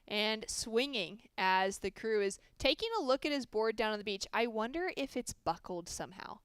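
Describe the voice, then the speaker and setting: Clear-voiced woman calling surf action. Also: fairly high pitch, expressive, normal speed, a bit bright, dry recording, clean studio sound. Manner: fluent, informative play-by-play. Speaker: surf commentator. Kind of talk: live sports commentary.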